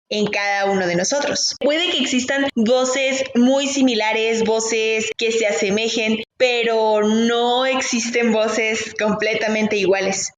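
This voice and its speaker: A woman co-hosting a casual podcast, leading topics and putting questions to her partner. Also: medium pitch. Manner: leads topics, asks her co-host questions. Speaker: podcast co-host. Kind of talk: casual chat. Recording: roomy with faint noise.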